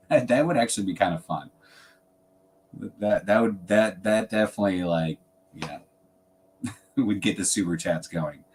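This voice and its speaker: A man's voice: sits low, measured pace, pauses often, darkish tone, slight background noise. Laid-back man chatting on a livestream. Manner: laid-back, rambling, laughs often. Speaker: fragrance channel host. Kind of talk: casual livestream chat.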